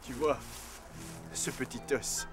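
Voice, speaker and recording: An actor playing a solemn, theatrical druid of the Gauls in a comic stage play, with grandiose declamation. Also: male voice, mid-range voice, steady tone, takes it slowly, over music, close to an everyday voice.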